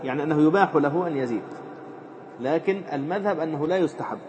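Fast-talking man teaching in a hall. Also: fairly high pitch, darkish tone. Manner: rapid, repeats and quotes phrases, frequent fillers. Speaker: Islamic jurisprudence teacher. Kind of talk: explaining a legal text. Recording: dull lecture recording with long reverb.

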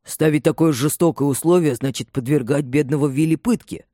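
Вспыльчивый пожилой лесничий говорит взволнованно, часто восклицает, его озвучивает мужчина-чтец. Тембр тёмный, запись сухая, без эха. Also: male voice, on the high side, a little fast, mellow, no room sound, studio quality, voice pushed up, natural voice. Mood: agitated. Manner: agitated, exclamatory. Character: excitable older male forester, family man.

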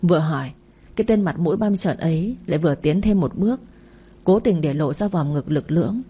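Husky, low-voiced woman narrating a story. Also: expressive, a little fast, mellow. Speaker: audiobook narrator. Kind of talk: first-person story narration.

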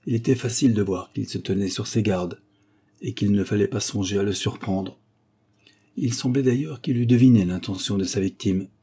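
Low husky guy reading a detective novel out loud, measured and dramatic. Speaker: audiobook narrator. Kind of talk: scripted narration of a detective novel.

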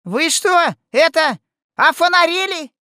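A man voicing a grumpy old male genie in an audiobook, with a squeaky, complaining delivery. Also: expressive, slow, sharp tone, no room sound, studio quality, heavily acted. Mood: exasperated. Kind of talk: audiobook character voice.

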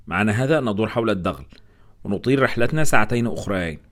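رجل يؤدي سائقا أفريقيا متذمرا. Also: male voice, on the low side, animated, very fast, fairly bright tone. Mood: complaining. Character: Jomba, a grumbling African male driver.

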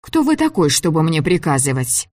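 A man's voice: high-pitched, sing-song, moderate pace, a little mellow, no room sound, studio quality, pitched above the performer's own voice. Man voicing a feisty young woman student. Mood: defiant. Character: young woman magic student, stubborn, quick-tempered.

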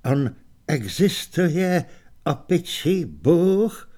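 A man voicing a nervous, cowardly wizard who speaks in a measured, anxious way. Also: fairly high pitch, big pitch swings, mellow. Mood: uneasy.

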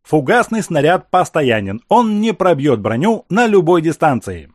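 A man voicing a gruff middle-aged admiral who answers bluntly and grumbles about limits. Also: a little high, big pitch swings, moderate pace, no echo, studio quality, voice pushed up. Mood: earnest.

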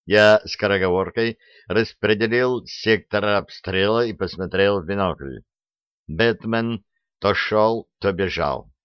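A man narrating a first-person war story as an audiobook, lively in delivery. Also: on the low side, slow pace, clear, resonant tone, dry recording, dull audio.

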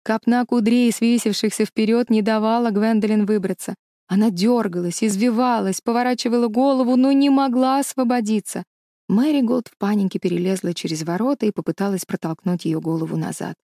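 A woman narrates a storybook in a calm, measured way. Her voice is mellow and warm, and the recording is dry and close. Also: on the high side, dry recording. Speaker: audiobook narrator.

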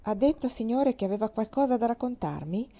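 A reserved young lady answers with gentle courtesy, as a woman reading the story gives her voice. The tone is mellow and dark with some gravel. It is a quiet character in a read-aloud novel. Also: a little high, lively intonation, a little fast, lo-fi sound, pitched above the performer's own voice. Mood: polite.

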